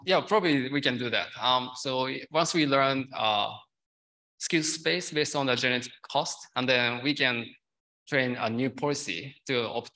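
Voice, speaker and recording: A man in his thirties, speaking as a conference speaker at a podium in a large lecture theatre, answers technical questions hesitantly in non-native English phrasing. His medium-pitched voice sounds pushed and bright, picked up by a podium gooseneck microphone in a rough recording.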